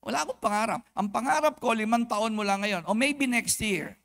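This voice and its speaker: A man with a Filipino accent, a pastor preaching an animated sermon at a church service and acting out quick comic exchanges. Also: sits high, vocal fry.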